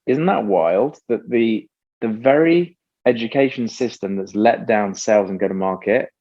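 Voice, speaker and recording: Animated man on dull lo-fi audio. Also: lowish voice, moderate pace. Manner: animated, laughing, tangential. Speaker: guest, company founder. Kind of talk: casual interview conversation.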